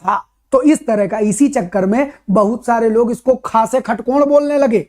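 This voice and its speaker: A man teaching a Hindi grammar lesson for exam students, chatty, calling his students brother and slowly repeating sounds to demonstrate them. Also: extremely high pitch, mellow. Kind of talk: classroom lesson for competitive exams.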